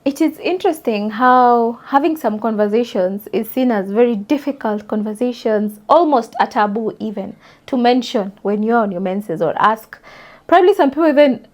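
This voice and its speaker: Speaking straight to her audience, a young woman delivers a forthright, emphatic podcast monologue on her own. Her pitch is on the high side, her tone somewhat dark, and her pacing moderate.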